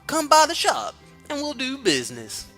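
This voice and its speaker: Shopkeeper voice, put-on Texas drawl, very high-pitched, loud, cartoonish, game music behind. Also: male voice, huge pitch swings, moderate pace, full character voice. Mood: cheery. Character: cheery male village shopkeeper, rescued and chatty.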